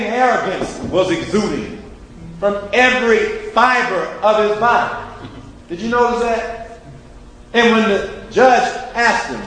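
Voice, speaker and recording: A man, a teacher and ministry student, giving an emphatic preacherly address to an audience, repeating phrases for rhythm. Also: fairly high pitch. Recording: echoey hall with long reverb.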